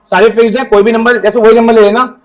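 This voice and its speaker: Male teacher, very high voice, mic set back from him, quizzes his class as he explains. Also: flat delivery, fast, distant mic, low-quality recording. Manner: explains by asking the class questions and answering them himself. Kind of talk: classroom lecture.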